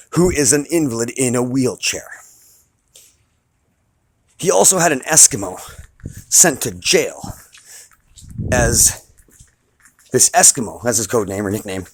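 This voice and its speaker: Man, angry rambling street vlog, husky voice, dry close phone sound. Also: medium pitch, dry recording. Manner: agitated and profane, rising to outbursts. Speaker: vlogger filming a street complaint.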